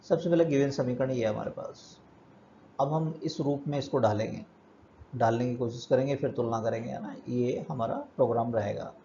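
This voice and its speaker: A man's voice: medium pitch, moderate pace, dark tone, muffled recording, slight background noise. A male physics teacher giving a step-by-step lecture, asking and answering his own questions as he works through problems. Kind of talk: classroom lecture.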